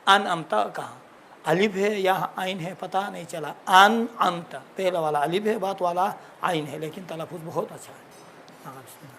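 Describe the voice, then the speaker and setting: A high-voiced man leads a recitation lesson, correcting his student with patience. He models each sound slowly before moving on, with faint background noise behind him. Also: a bit bright. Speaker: Quran recitation teacher.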